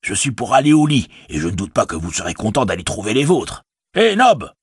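A man voicing a chatty, fretful stout innkeeper who rambles and exclaims, with a husky voice. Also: on the low side, expressive, fast talker, no echo, studio quality. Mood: rambling.

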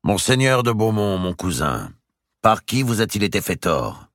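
A man voicing a grave, formal king in an audiobook, speaking in a measured, ceremonious way. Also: fairly low pitch, very animated, a bit bright, no room sound, studio quality, voice pushed up. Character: grave, formal king presiding over court. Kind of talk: audiobook character voice.

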